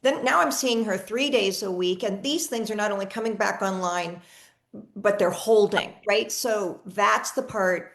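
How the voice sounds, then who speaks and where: A chatty woman healer speaking over a video call, her mid-pitched voice carrying a gravelly edge. She talks eagerly to the person in front of her, repeating herself and restarting her sentences as she goes. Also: measured pace, a bit bright. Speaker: energy healer. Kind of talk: live online healing session.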